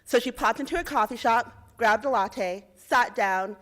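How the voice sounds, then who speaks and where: Young woman from indiana doing a policy pitch, kinda high voice, clear and measured. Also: a bit bright. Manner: clear, measured, persuasive delivery of figures. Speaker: presenter in a policy pitch competition. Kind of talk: rehearsed pitch presentation.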